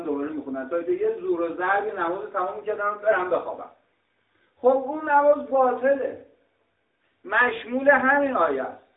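A middle-aged man from Iran teaching a scripture lesson, arguing points and explaining word meanings, often clearing his throat. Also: high-pitched. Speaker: religious teacher. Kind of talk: lecture on scripture. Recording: tinny, roomy, distant mic.

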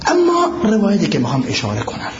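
A man's voice: sits high, huge pitch swings, big-room sound, lo-fi sound, background noise. A man giving a religious lecture who recites Arabic passages, explains them and puts questions to his listeners. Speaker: preacher.

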